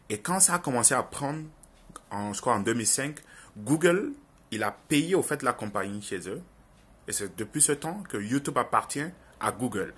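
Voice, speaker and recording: The young man's voice is fairly low, husky, and sharp in tone. Speaking with a Francophone African accent, he gives viewers an informal opinion monologue as an online video commentator. He is earnest and insistent, repeating phrases for emphasis.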